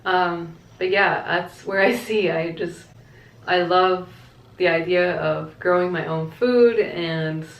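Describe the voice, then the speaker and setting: A woman vlogger chatting casually to camera and answering viewer questions in a candid, reflective, conversational way. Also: lowish voice. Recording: echoey, roomy sound.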